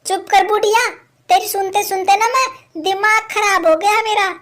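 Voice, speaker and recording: A scheming young wife crow in a cartoon, sharp-tongued and cruel, as a woman puts her on. Her very high voice turns harsh and scolding. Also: steady tone, normal speed. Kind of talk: cartoon voice acting.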